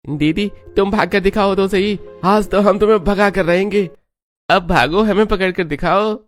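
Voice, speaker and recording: A man doing squeaky cartoon little boys. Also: normal speed, faint music behind, natural voice. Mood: teasing. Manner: taunting, high-pitched childish voice. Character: three mischievous little boys, the brothers.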